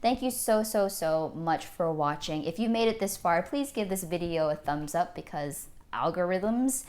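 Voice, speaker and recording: A woman videographer giving an upbeat, chatty product review in a vlog. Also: moderate pace. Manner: upbeat and chatty, with lively jumps in pitch. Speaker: videographer reviewing camera gear.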